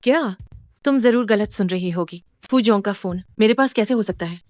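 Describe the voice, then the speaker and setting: Woman doing young office girl, calm but firm, stands her ground, dry close sound, dubbed drama. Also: medium pitch, moderate pace, no room sound, close to an everyday voice. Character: young female employee, calm and defiant.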